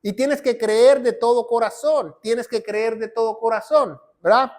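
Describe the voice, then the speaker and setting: A pastor with a very high, steady voice preaches a little slowly, with a somewhat mellow sound. Teaching his listeners, he drives his points home by repeating short phrases and reciting scripture, and his voice sometimes drifts off the mic.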